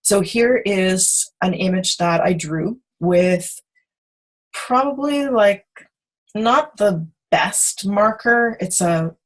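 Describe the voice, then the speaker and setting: A woman teaching design software on a video call, chatty and self-correcting as she demonstrates. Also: medium pitch, takes it slowly, hardly any pauses, poor audio. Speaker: software instructor. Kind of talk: screen-share tutorial.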